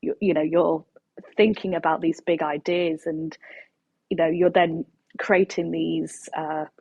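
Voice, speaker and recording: A young woman with a husky voice, slightly low in pitch, talks casually in a close, dry sound. She is thoughtful and often rephrases herself. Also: little pitch movement, unhurried, darkish tone, no echo, dull audio. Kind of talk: casual panel discussion.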